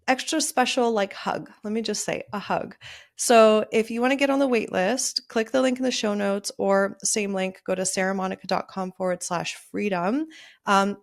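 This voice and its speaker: A woman in her thirties talks straight into a podcast microphone in a chatty, upbeat solo episode. Her voice sits at an ordinary middle pitch for a woman. She leans on "like" as she talks. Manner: chatty and upbeat, with frequent "like" fillers. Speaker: podcast host. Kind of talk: casual solo podcast talk.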